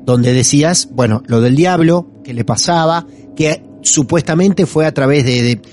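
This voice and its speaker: A man's voice: a little high, normal speed, darkish tone, soft background music. A man with an Argentine accent hosting a podcast, asking a guest short clarifying questions in a casual interview. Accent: Argentine Spanish. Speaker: podcast host.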